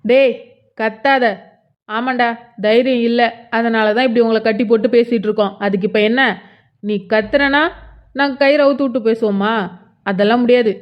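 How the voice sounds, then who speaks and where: A woman voices a masked robber in a cartoon who mocks his captives. The voice is a little high and sneering, and the recording is dull and lo-fi. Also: fairly even intonation, moderate pace, natural voice. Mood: taunting. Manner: sneering, taunting. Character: masked robber, mocking and cruel. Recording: dull lo-fi sound.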